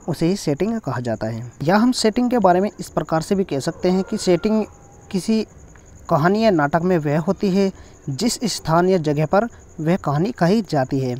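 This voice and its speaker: A man's voice: high voice, mellow. A man teaching a class, explaining step by step and repeating key points for an exam, with English terms in an Indian accent. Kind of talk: exam-focused lecture.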